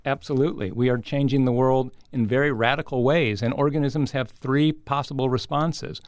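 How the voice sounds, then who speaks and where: A man giving measured, articulate explanations as a scientist guest in an interview. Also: medium pitch, fairly even intonation, no echo, clean studio sound.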